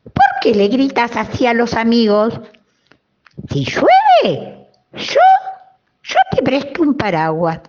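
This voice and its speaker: A tiny baby chick, as a woman puts it on, brave and kind, piping quick questions high above her own voice. The lo-fi recording sounds a little dull and muffled. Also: wildly swooping pitch, noisy background, full character voice. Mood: gently scolding.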